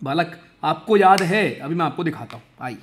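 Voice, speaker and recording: Young man, high voice, exam-prep teacher, chatty and energetic. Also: normal speed. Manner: chatty, addresses viewers as friends and brothers. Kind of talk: energetic Hindi lesson with mnemonics.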